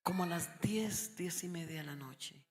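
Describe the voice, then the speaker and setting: A middle-aged woman from Colombia preaching a sermon, moving between hushed storytelling and loud, shouted exhortation. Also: fairly low pitch, moderate pace, faint music behind. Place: church. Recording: reverberant church hall.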